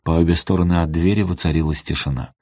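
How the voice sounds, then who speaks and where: A man narrating an audiobook in a steady, even reading voice. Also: low voice, quick pace, no room sound, studio quality. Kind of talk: scripted narration.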